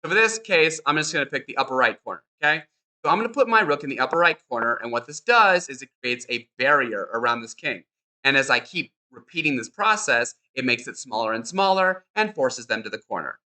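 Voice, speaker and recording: A man's voice: mid-range voice, lively intonation, brisk, sharp tone. A man teaching a chess lesson, upbeat and encouraging, repeating short cues as he demonstrates moves on the board.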